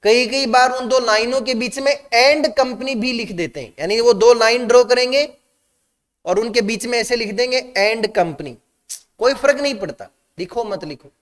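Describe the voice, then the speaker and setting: A man's voice: extremely high pitch, moderate pace, a bit bright, in a large hall. A man teaching a class, asking students questions and mixing Hindi with English terms. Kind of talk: classroom lecture.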